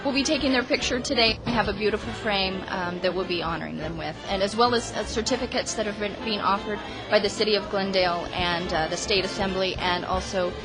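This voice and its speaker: A woman community services manager speaking in an interview, steady and informative with frequent fillers. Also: mid-range voice, fairly quick, few pauses, music in the background, low-quality recording.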